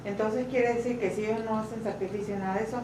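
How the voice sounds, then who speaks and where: A woman's voice: mid-range voice, fairly even intonation, fast talker, mellow. A woman taking part in a group Bible study, asking short questions and agreeing with the teacher. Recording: echoey room, far from mic.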